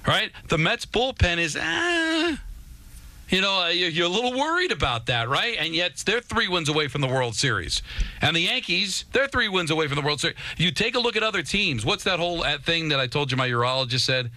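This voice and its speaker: A man's voice: high-pitched, very animated, fairly quick, bright, forceful tone. A man co-hosting a sports talk radio show, arguing emphatically with repeated starts and rhetorical questions.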